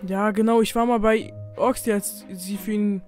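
A man's voice: sits high, fairly even intonation, moderate pace, a little mellow, faint music behind, lightly acted. A man playing a laid-back young friend who talks in slang, in a casual game role-play. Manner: slangy and chatty, says "fresh" and "Bro".

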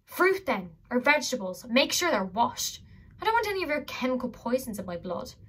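A woman voicing a defiant captive female elf captain who shouts and speaks with sarcasm. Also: on the high side, big pitch swings, brisk, breathy edge, full character voice.

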